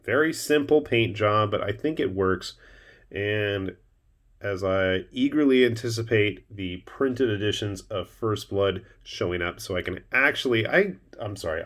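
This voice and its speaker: A man hosting a casual show-and-tell of his painted miniatures, chatty with wry asides. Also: on the low side. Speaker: miniature painting channel host.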